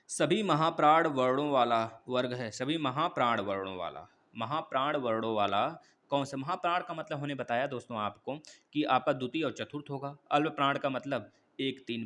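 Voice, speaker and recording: A man's voice: mid-range voice, normal speed, a bit bright. A man teaching an exam-prep quiz class, going through questions one by one and coaxing viewers for answers. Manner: repetitive, coaxing, addresses viewers as friends.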